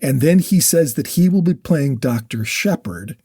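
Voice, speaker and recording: A podcast co-host with a slightly high, darkish, husky voice speaks expressively at a moderate pace, in clean studio sound with no echo. He chats casually about books and shares researched facts while often correcting and restarting his sentences.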